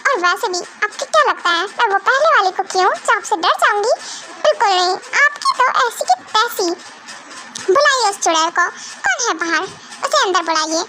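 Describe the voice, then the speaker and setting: A woman's voice: very high-pitched, very animated, moderate pace, very noisy. A young woman voicing a feisty, jealous girlfriend who scolds sarcastically in an amateur fan dub. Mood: bossy. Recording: music playing under the voice.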